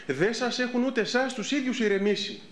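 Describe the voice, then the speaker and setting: A middle-aged Orthodox priest gives a sermon and tells stories lively, acting out the people in them. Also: male voice, very high voice. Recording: echoey room.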